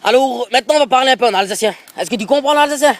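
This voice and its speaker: A man's voice: very high-pitched, very fast. A man playing a pushy, rambling middle-aged football coach with an Alsatian accent in a prank phone call. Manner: pushy, rambling, repeats filler tags. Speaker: prank caller. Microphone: phone held close to mouth.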